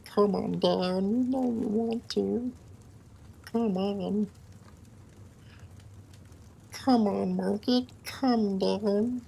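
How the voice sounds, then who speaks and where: A man's voice: high-pitched, steady tone, very slow, gravelly, long pauses, mellow, breathy edge, voice pushed up, heavily acted. A man voicing a creepy, greedy male cave creature that croons and coaxes. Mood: coaxing. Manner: crooning, coaxing, wheedling.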